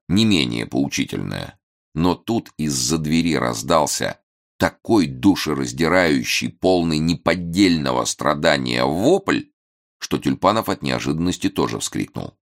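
Very deep, gravelly male audiobook narrator.

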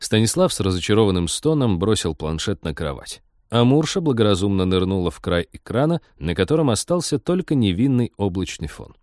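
A man narrating an audiobook with expressive, lively reading. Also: fairly low pitch, fairly quick, no echo, studio quality. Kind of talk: scripted narration.

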